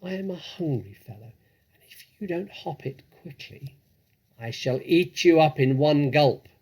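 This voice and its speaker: A man voicing a sly, confident grown fox from a storybook, a fatherly leader who talks in a smooth, theatrical, commanding way. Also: a little high, expressive, unhurried, a little mellow, pitched above the performer's own voice. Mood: softly menacing.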